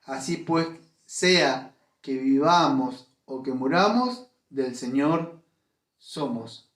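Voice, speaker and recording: A man's voice: medium pitch, expressive, slow pace, a bit bright, reverberant. A man preaching a sermon as pastor, emphatic and full of rhetorical questions. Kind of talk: Spanish-language sermon. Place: church.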